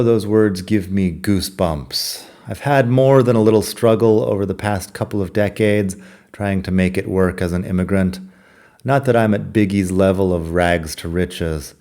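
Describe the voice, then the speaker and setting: Deep-voiced and dark in tone, this middle-aged American podcaster reads his own written personal essay. He comes across as wry and reflective, poking fun at himself.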